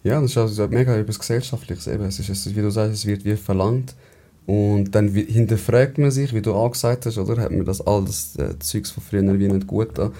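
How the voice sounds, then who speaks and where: A man's voice: lowish voice, fairly even intonation, a little fast, warm tone. A man with a Swiss German accent hosting a podcast, laid-back and reflective in casual talk. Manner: laid-back, reflective, calls his guest "bro". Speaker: podcast host. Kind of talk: casual conversation.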